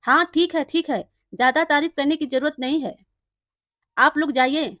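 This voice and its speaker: A woman's voice: high voice, moderate pace, a bit bright, no echo, studio quality. A woman voicing a jealous, scheming male village blacksmith in a storybook tale. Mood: sly.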